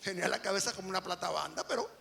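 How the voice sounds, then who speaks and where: A man preaches an emphatic sermon in a high, gravelly voice. His tone is bright and forceful, and he swings between quiet stretches and shouted peaks. The sound carries the long reverb of a large hall. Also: rapid-fire. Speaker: apostle preaching.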